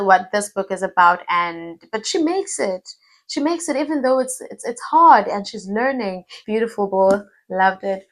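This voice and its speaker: A woman talks through her favorite books of the year in a relaxed vlog. Her delivery is animated and emphatic, and she repeats words to stress a point. Her pitch sits in an ordinary middle range. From South Africa. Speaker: book vlogger. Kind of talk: casual book review.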